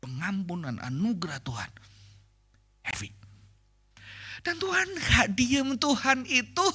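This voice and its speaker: Animated, bright-voiced male preacher. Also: very high voice, slow, husky, faint music behind. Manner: animated and conversational, dropping in English phrases and acting out quotes. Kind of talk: sermon at a church prayer service.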